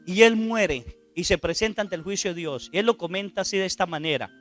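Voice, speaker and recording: A priest preaching a sermon, retelling a testimony with dramatic, loud quoted lines and rhetorical questions to his listeners. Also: sits high, brisk, faint music behind. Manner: dramatic, acts out quoted speech loudly, asks the congregation rhetorical questions.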